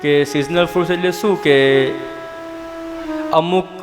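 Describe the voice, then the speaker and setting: A man delivers a devotional sermon in a storytelling manner, often turning to ask the audience rhetorical questions. His voice is high and carries through a roomy hall with a long tail of reverb. Soft music sits underneath. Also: fairly even intonation, normal speed. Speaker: devotional preacher. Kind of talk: Gujarati devotional katha sermon.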